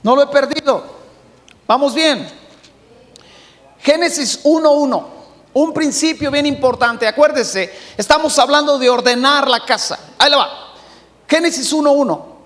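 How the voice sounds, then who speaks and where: A middle-aged Mexican pastor preaching a sermon, swinging between shouts and hushed passages. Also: male voice, extremely high pitch, measured pace, in a large hall. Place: church hall.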